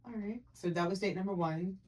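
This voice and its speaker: A woman hosting a casual podcast chat, playful and quick to laugh as she tells stories. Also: medium pitch. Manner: playful, laughing, animated when telling stories. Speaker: podcast host.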